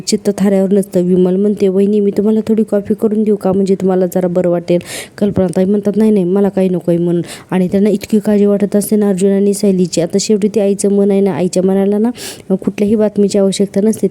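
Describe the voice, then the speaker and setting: A woman's voice: medium pitch, mellow. A woman with a Marathi accent, casually retelling a TV serial episode and reading each character's lines in quotes. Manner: retells scenes, voicing characters' lines in quotes with little change. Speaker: serial episode recap narrator.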